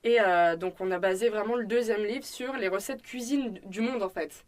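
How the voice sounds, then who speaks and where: A woman's voice: mid-range voice, moderate pace. Chatty young woman with a French accent. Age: young adult. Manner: chatty, many fillers, acts out dialogue. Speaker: restaurant owner and student guest. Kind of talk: casual interview storytelling.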